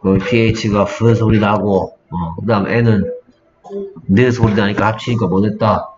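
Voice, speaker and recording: A man's voice: on the low side, steady tone, unhurried, noisy background. A man tutoring English phonics one-on-one, quizzing his student on letter sounds. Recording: dull lo-fi audio with music.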